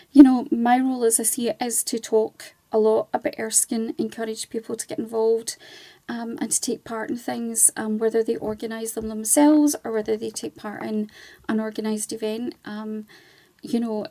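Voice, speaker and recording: A woman with a slightly high, warm voice and no echo speaks as a charity ambassador and guest on a conversational radio interview. She is chatty and explanatory, drifting into wandering asides.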